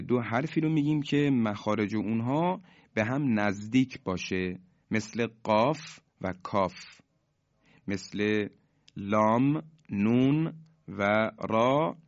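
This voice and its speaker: A man teaching Quran recitation rules, who explains each rule slowly and then chants each example drawn out and louder. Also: lowish voice, dry recording, lo-fi sound. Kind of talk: recorded tajwid lesson.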